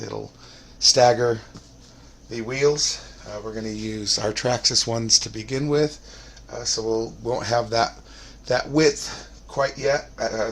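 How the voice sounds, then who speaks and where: A man hosting a hobby channel, talking casually in a scratchy voice that is still recovering, rambling and halting with many fillers at his workbench. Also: medium pitch. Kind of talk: casual vlog talk. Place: workshop at a workbench.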